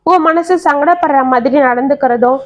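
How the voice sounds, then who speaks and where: A woman doing a calm young husband. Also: high-pitched, normal speed, muffled recording, close to an everyday voice. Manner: calm, explaining.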